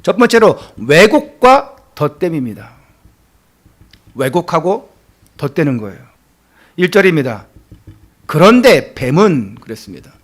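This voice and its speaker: Male pastor, Sunday sermon, high lively voice, earnest rhetorical questions.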